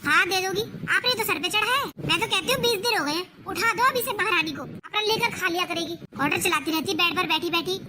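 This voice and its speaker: A woman playing a bossy, irritated sister-in-law who scolds in a sharp, sarcastic way in a family comedy skit. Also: very high-pitched, a little fast, few pauses, noisy background. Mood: scornful. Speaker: husband's sister.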